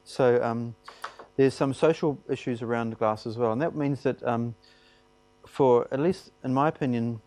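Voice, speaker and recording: A man giving a university lecture, speaking hesitantly with frequent pauses and restarts. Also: mid-range voice, darkish tone, no room sound. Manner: hesitant, lots of ums and restarts.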